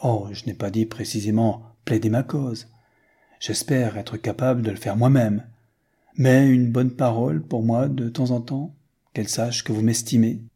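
A frank, earnest American suitor with a mellow, slightly husky voice, read by a man. He speaks plainly and insistently, in an audiobook reading. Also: mid-range voice, steady tone, a little slow. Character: rich American man seeking a bride.

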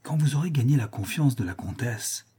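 A man's voice: medium pitch, animated, normal speed, dark tone, slightly rough. A man voicing a vain, pompous older count who admires his own verses. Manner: pompous, self-admiring, emphatic.

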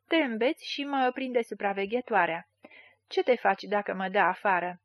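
A woman's voice: mid-range voice, animated, no echo, muffled recording, natural voice. A woman voicing a sly, skinny male schemer in a storybook reading, talking in a honeyed, wheedling, boastful way.

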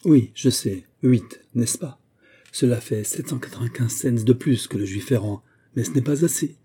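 A man reading a storybook voices a suave, ironic gentleman thief who is coolly polite and menacing. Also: medium pitch, normal speed, husky, lightly acted. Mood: ironic menace.

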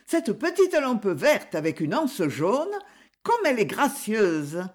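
A woman's voice: on the high side, wildly swooping pitch, slow pace, pitched above the performer's own voice, exaggerated voice. A woman voicing a fragile, nervous young lady. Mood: eager. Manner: bright, eager, easily startled. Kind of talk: audiobook character reading.

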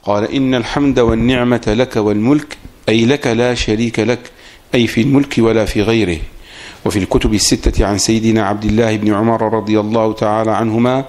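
A man reading a classical Arabic religious text aloud in a lesson, pausing while his teacher comments. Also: fairly low pitch, steady tone, darkish tone. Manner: reads steadily, pauses for the teacher's comments.

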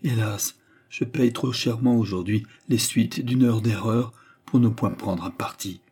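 A man's voice: lowish voice, steady tone, a little slow, a little mellow, husky. A man reading aloud and voicing a scheming young widow who feigns distress in a dramatic, pleading way.

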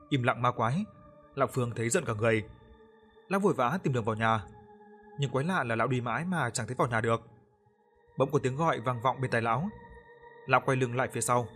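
A man in scripted ghost-story narration, measured and atmospheric. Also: mid-range voice, fairly bright tone.

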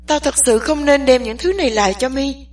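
A woman's voice: sits high, a little fast, far from the mic, voice pushed up, lightly acted. A woman voicing an anxious young woman who pleads urgently with her best friend in an audiobook. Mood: pleading.

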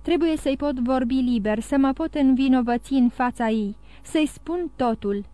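A woman voicing a desperate middle-aged male magistrate who shouts and pleads urgently. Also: high voice, no echo, lightly acted. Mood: tense.

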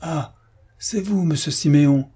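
A man's voice: lively intonation, normal speed, warm tone, husky. A man reading an audiobook, voicing a devoted male concierge who frets and exclaims in a raised voice. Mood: alarmed. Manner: anxious exclamations, higher pitched.

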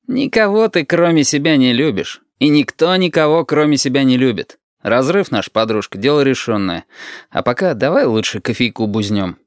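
A man's voice: mid-range voice, lively intonation, moderate pace, dry recording, studio quality, voice pushed up, lightly acted. A man voicing a cynical, mocking young man in an audiobook, with a sneering manner.

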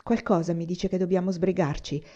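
Padre pioniere preoccupato e protettivo, letto da una donna; tono serio, registrazione un po' spenta. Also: male voice, sits high, fairly even intonation, brisk, mellow. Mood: earnest. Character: worried pioneer father, steady and protective. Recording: slightly dull lo-fi recording.

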